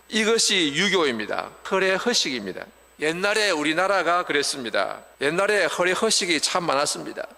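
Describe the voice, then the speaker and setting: A man's voice: fairly high pitch, bright, forceful tone. An older man preaching a Sunday sermon in earnest, explanatory tones, sometimes acting out wailing mourners. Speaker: pastor. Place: church sanctuary. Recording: long church hall reverb.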